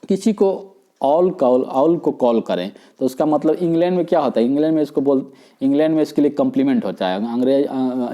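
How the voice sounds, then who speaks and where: Mellow-voiced male communication teacher. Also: fairly high pitch, highs cut off. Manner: explanatory, repeats points with everyday examples, mixes English terms into Hindi. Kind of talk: recorded lecture on communication skills.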